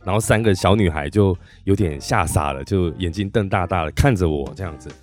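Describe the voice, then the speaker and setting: A man, a podcast host and musician, telling a story in a casual monologue, animated, acting out quotes and often restarting his sentences. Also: deep voice, a little fast, soft background music.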